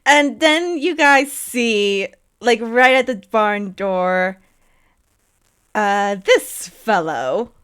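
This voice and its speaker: A woman's voice: fairly high pitch, very slow, clear, resonant tone. Giggly woman game master narrating. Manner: giggly, animated, lots of fillers.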